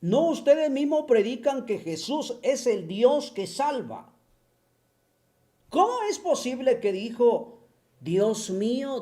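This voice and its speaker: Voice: mid-range voice, mellow. A speaker giving a mocking monologue, firing taunting rhetorical questions over and over with scornful chuckles. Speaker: online religion critic.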